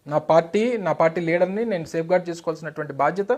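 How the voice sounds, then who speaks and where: A man's voice: fairly high pitch, darkish tone. A middle-aged man, a party spokesman, answering insistently in a heated political interview. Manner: emphatic, insistent, rapid Telugu-English mix.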